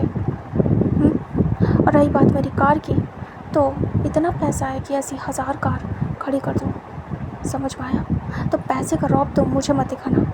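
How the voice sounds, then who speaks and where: A woman voicing a cold, teasing male mafia boss who speaks low and quiet. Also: very noisy, close to an everyday voice.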